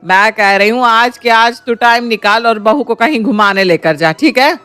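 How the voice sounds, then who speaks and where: Female VO: caring middle-aged mother-in-law, gentle, affectionately scolding, cartoon. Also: on the high side, normal speed, faint music behind, close to an everyday voice. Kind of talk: cartoon voice acting.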